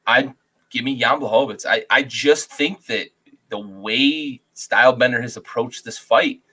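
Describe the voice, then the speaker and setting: A man with a bright, forceful voice and a husky edge works through his fight pick in loose, profane banter. He rambles and restarts, joining the podcast over a video call. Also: mid-range voice, a little slow, poor audio. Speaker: podcast co-host, fight picker. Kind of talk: casual sports banter.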